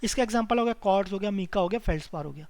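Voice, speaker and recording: A man tutoring for an exam, who asks himself quick questions, answers them and repeats key terms, with English phrases mixed in. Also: high voice, darkish tone, no echo. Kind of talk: explanatory lecture over slides.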